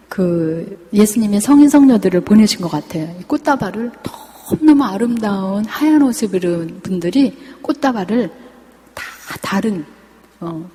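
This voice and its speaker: A nun tells her story with a husky, mellow voice pitched a little high. She lives out every bit of the dialogue she recounts, and her words ring on in the long reverb of a hall. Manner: lively storytelling, acting out quoted dialogue. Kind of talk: spoken faith testimony.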